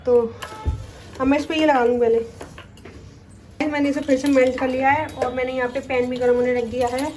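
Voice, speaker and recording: A woman's voice: sits high, little pitch movement, moderate pace, long pauses, darkish tone, a little hiss or hum. A young woman vlogging at home in a chatty way, first cooking in her kitchen and then telling a story, often checking in with "okay". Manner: chatty, peppers speech with "okay". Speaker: family vlogger.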